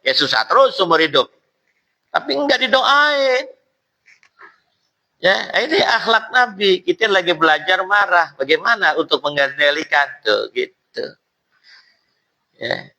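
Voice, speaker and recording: A man preaches in a loose, colloquial way, bright and forceful in tone. His voice sits a little high for a man, and he keeps the room engaged with humour and acted-out asides. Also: unhurried, long pauses, rough recording. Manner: lively, jokey, colloquial, acts out quotes. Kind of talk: mosque study-circle sermon.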